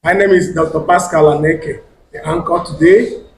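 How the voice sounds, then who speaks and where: A man with a Nigerian accent speaks in a formal academic register, his voice sitting a little high for a man. He poses rhetorical questions, often stops and restarts words, and a faint hiss of noise runs under the recording. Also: steady tone, normal speed, gravelly, low-quality recording. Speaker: academic roundtable anchor.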